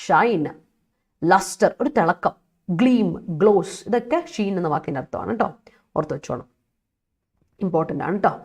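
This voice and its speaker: A woman's voice: lowish voice, lively intonation, normal speed, long pauses, a little mellow, slightly rough. Chatty woman teaching a live English class. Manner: mixes English words into explanations, reads student chat aloud, laughs often. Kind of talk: live online vocabulary class.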